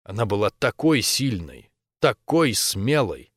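A man narrating a first-person romance novel as an audiobook, in a steady, intimate storytelling voice. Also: lowish voice, unhurried, dry recording, clean studio sound.

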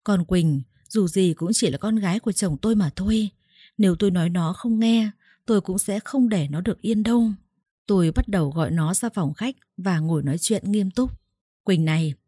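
A woman reading a first-person story aloud in a steady storytelling voice and voicing its dialogue. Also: mid-range voice, normal speed, breathy edge, no echo, clean studio sound. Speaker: narrator.

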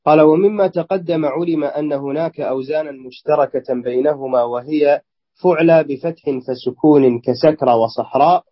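A man's voice: fairly high pitch, steady tone, moderate pace, lo-fi sound. A male student reading a classical grammar text aloud carefully, stumbling and restarting now and then.

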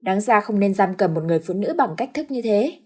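Woman as a young master, calm, frank, terse, dry. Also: mid-range voice, brisk, breathy edge. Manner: laconic, dry.

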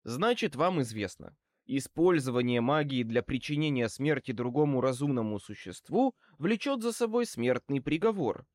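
A man reading an audiobook as a male wizard private eye who speaks wryly and with calm menace. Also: mid-range voice, moderate pace, no echo, studio quality, lightly acted. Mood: wry, cool. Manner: wry, calmly threatening.

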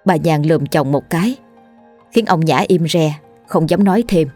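A woman narrating a ghost story in a steady, even storytelling manner. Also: sits low, moderate pace, faint music behind. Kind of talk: scripted narration.

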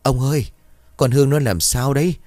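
A man's voice: medium pitch, fairly quick, a little mellow, dry recording, studio quality, voice pushed up, close to an everyday voice. A man voicing an anxious older mother who whines and frets. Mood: fearful. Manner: anxious, whining. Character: frightened older mother, whimpering.

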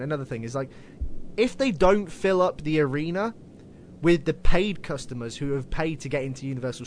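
Male podcast host, casual and sweary, slightly high voice, lively delivery. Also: slight background noise. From United Kingdom. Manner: swears casually, laughs at own slips. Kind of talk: casual wrestling podcast chat.

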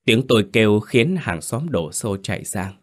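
Low-voiced man narrating a horror story. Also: big pitch swings, moderate pace.

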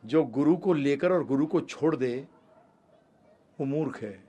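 A preacher gives a discourse on the Gita, swinging between loud, emphatic peaks and quick, low asides. He calls his listeners prabhu ji and asks them questions that he then answers himself.

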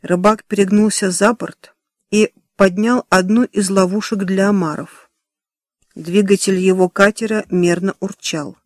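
A man narrating a children's novel in a steady, expressive storytelling manner. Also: high voice, unhurried, no echo, studio quality. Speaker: audiobook narrator. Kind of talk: scripted narration.

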